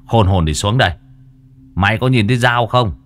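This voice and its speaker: A man's voice: on the low side, normal speed, fairly bright tone, lightly acted. A man voicing a brash, cocky young exorcist who talks bluntly and bossily. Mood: threatening. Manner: swaggering, blunt, bossy.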